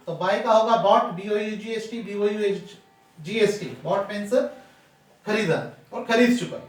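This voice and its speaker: A male teacher giving a spoken lesson, spelling words letter by letter and addressing his students fondly. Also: high voice. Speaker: English teacher. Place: room with a board. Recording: echoey room, voice from far off.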